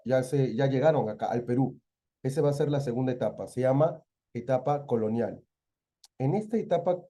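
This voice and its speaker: A man's voice: mid-range voice, dark tone. A young adult man from Peru with a Peruvian Spanish accent, teaching a literature review lesson and putting questions to his students before answering them himself. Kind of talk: exam-prep literature lesson.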